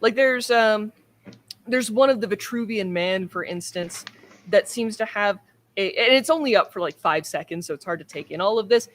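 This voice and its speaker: A woman runs a tabletop game, narrating the scene at a measured pace and filling gaps with soft ums. Her voice sits in the middle range, with faint room hiss behind it. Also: medium pitch. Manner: descriptive, unhurried with frequent ums. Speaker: game master.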